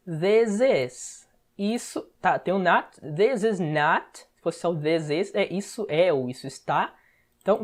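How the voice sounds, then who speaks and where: Brazilian woman teaching English step by step. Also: fairly low pitch. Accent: Brazilian Portuguese. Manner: explains word by word, often checks with a quick "tá?". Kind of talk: step-by-step language lesson.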